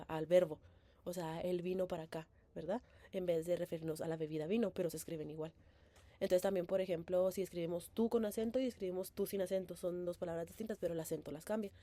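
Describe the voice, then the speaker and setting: A woman's voice: fairly low pitch, warm tone. A young woman recaps what she learned in a class presentation. She hesitates, corrects herself often and keeps tagging her sentences with a questioning "right?". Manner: hesitant, many fillers and self-corrections. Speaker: bilingual education student presenting.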